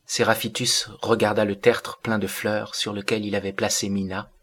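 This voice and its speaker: A man narrating a classic novel as an audiobook in a measured, deliberate reading. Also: lowish voice, flat delivery, fairly bright tone, breathy edge.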